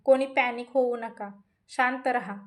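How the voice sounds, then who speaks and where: A woman voicing a calm, determined young man who keeps steady under threat. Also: on the high side, measured pace, natural voice.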